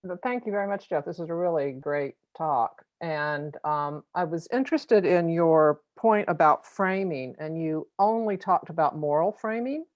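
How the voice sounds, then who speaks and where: A woman with a lowish voice asks a detailed question over a video call. The sound is dry and a little dull. She speaks in a measured, thoughtful way. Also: no echo. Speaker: seminar participant asking a question. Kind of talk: audience question and comment.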